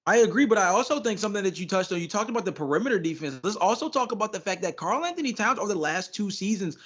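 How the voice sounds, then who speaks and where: A man co-hosting a sports podcast, in casual chat, measured and building his points. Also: high voice, expressive, a bit bright, husky, muffled recording. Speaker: podcast co-host.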